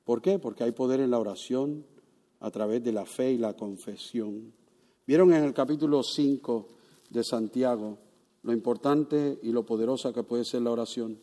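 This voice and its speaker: A man preaching a sermon, moving between loud emphatic lines and hushed ones, asking his listeners questions and acting out voices. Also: mid-range voice, normal speed. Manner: asks the congregation questions, acts out voices. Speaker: pastor.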